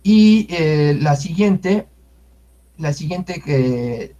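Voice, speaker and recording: A man giving an informal language lesson, explaining unhurriedly with many fillers and sounding out words slowly. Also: fairly high pitch, lively intonation, warm tone. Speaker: Nahuatl language teacher. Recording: muffled lo-fi audio.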